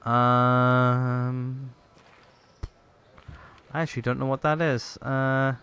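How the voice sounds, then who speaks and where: A man's voice: medium pitch, completely flat delivery, extremely slow, fairly bright tone, clear, resonant tone. A man rambling through let's play commentary with many fillers, hiccuping and a tired voice. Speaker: gaming YouTuber.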